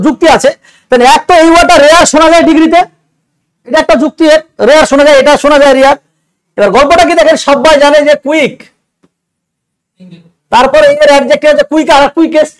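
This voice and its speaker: A man with an extremely high-pitched voice explains English grammar step by step in a lecture meant to clear up exam doubts, asking students questions as he goes. The recording is rough.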